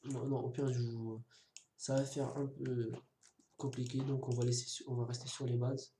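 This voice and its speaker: Keyboard typing and mouse clicks accompany this casual screen-recorded coding tutorial, and there's slight background noise. The man has a warm mid-range voice with little pitch movement and a moderate pace. He hesitates a lot, restarting and using fillers, and sometimes jokes at his own expense.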